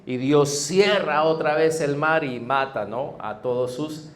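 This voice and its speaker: A man's voice: on the high side, measured pace. A male pastor with a Peruvian Spanish accent, preaching a conversational sermon with frequent tag questions and repeated phrases.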